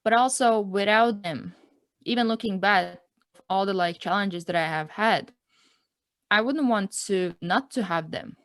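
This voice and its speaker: Reflective and earnest, a twenty-something interview guest from Latvia shares her personal story in English, her second language, with a Latvian accent and plenty of "like" and "um." The casual interview is recorded dry, and her mid-range voice has a fairly bright tone.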